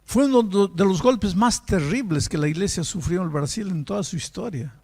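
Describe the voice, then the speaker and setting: A man's voice: high voice, animated, a little fast, creaky, darkish tone, husky. A male pastor preaching in a dramatic storytelling manner, acting out the voices in his story and building to emotional peaks. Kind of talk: sermon storytelling.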